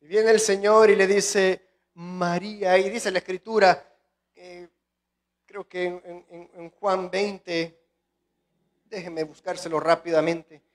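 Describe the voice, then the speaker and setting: The guest pastor here speaks slowly in a high voice with flat delivery. He has a Salvadoran Spanish accent and preaches an impassioned sermon, repeatedly calling out to the congregation.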